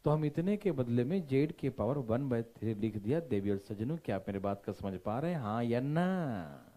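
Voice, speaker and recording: Male math teacher, playful and interactive, animated intonation. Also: mid-range voice, a little fast. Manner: animated, constantly checking understanding with listeners; playful, joking asides. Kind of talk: classroom lecture.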